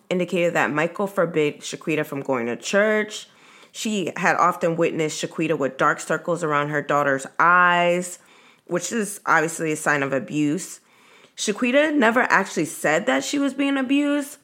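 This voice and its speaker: Low-pitched woman, true crime narrator. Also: a bit bright. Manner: informal, with personal asides. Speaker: true crime podcast host.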